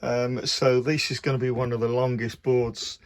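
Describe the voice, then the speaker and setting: A man's voice: medium pitch, moderate pace. Casual Birmingham-accented man, lots of ums. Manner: relaxed, many ums and uhs. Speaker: hobby model builder. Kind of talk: casual video diary. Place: home workshop room.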